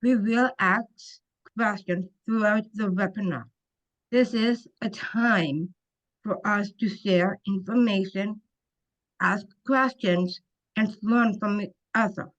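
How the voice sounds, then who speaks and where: Slow, careful woman hosting a webinar. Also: mid-range voice, dull audio. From Ontario, Canada. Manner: slow and careful, with small restarts. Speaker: webinar host, council member. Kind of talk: reading a prepared webinar introduction. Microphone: video call.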